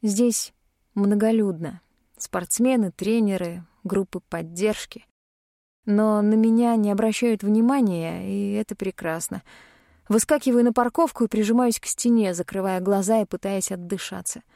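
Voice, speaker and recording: A woman's voice: mid-range voice, moderate pace, creaky, mellow, no echo, clean studio sound. A young woman reading an audiobook in the first person, with a tearful, emotionally charged delivery. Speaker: audiobook narrator.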